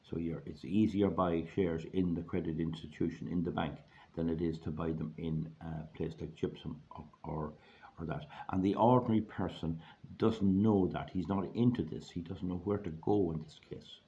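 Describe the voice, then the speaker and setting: A hoarse Irish man giving an informal, rambling monologue in a plain-spoken, folksy way, repeating phrases for emphasis. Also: sits low, fairly even intonation, normal speed, mellow. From Ireland. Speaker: online video host giving money advice. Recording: dull lo-fi audio, faint background noise.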